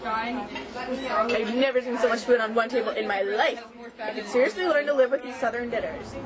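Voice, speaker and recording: A young woman narrating a trip home video in a playful, giggly way, recorded as old camcorder audio. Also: on the high side. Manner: playful, giggly, halting in German. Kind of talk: casual home video narration mixing German and English. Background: crowd chatter.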